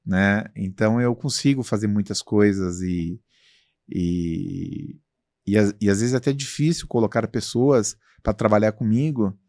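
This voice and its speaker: Low-voiced Brazilian man, self-assured. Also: measured pace, a little mellow, no room sound, studio quality. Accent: Brazilian Portuguese. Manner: expansive, self-assured, many fillers. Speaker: interviewee, company founder. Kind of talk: casual interview talk.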